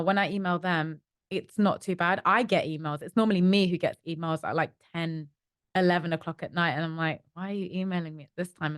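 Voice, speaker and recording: A young woman with a London accent talks through her days in a relaxed interview, acting out her own thoughts as she goes. Her voice sits a little low for a woman and is recorded close and dry. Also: no echo. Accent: London English. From East London, England. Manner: chatty, animated storytelling with acted-out inner voices. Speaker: startup co-founder, guest. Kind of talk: casual interview chat.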